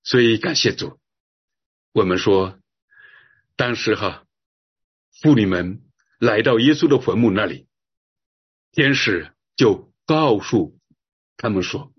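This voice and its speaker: A man's voice: medium pitch, slightly rough, muffled recording. A man preaching a sermon, telling a story earnestly and drawing his phrases out, ending with a prayer. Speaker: pastor.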